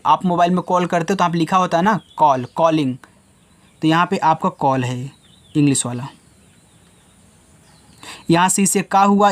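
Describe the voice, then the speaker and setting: Patient male teacher spelling words slowly. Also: fairly high pitch. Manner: spells out letters slowly, then explains each sound patiently; addresses the viewers as children. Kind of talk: spoken lesson for children.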